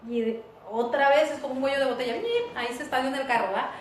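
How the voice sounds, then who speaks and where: A woman's voice: high-pitched, fast talker. A woman teaching a church class, often checking that her listeners follow along. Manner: lively, asks the room for agreement. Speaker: Bible teacher. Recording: very echoey room, faint hiss.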